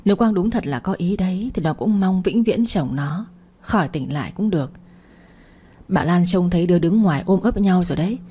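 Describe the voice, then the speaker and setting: A woman narrating a story in a steady, expressive storytelling manner. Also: on the low side, a little fast, slightly rough.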